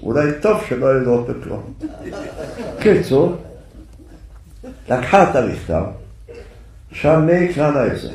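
Gravelly man telling a story in a sermon. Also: mid-range voice, big pitch swings, pauses often, darkish tone. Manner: conversational, addresses listeners directly. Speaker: preacher. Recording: echoey room, far from the mic.

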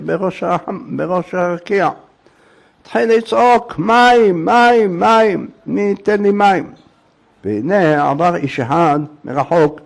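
An older man telling a folk tale in an animated way and acting out the characters' shouts. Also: fairly high pitch, creaky. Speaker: storyteller.

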